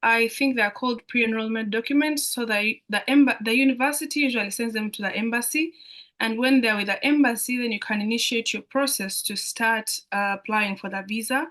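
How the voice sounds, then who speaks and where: A young adult woman from Uganda, speaking with a Ugandan accent, appears as an international student guest in a live online Q&A. Her voice is on the high side, a little fast and a bit bright, and she often repeats phrases while explaining things.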